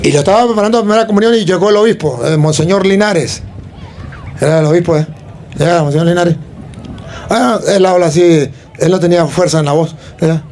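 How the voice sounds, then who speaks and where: High-voiced preaching priest. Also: male voice, a little fast, some chatter behind, a little hiss or hum. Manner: animated storytelling, acting out voices. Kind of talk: sermon.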